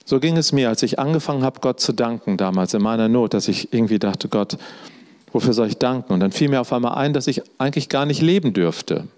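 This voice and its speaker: A man's voice: medium pitch, expressive, quick pace, few pauses, a little mellow. German man preaching a personal sermon. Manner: storytelling, conversational, addresses audience directly.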